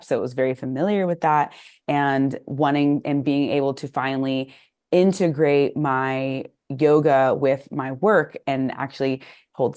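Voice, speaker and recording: A woman's voice: a bass voice, mellow. A woman from Texas, a podcast guest and business coach, telling her life story in a chatty, reflective way. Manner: chatty, reflective, uses "like" often. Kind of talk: casual interview storytelling.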